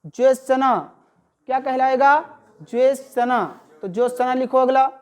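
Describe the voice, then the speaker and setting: A woman teacher taking a classroom spelling lesson, saying each word slowly and over again and putting questions to her students. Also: high-pitched, darkish tone. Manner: drills words by slow repetition, asks the class questions.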